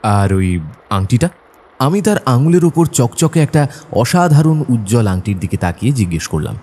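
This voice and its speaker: An actor playing Dr Watson, a genial, sceptical gentleman who tells the story in the first person, with expressive delivery and a husky voice. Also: medium pitch, moderate pace. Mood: curious.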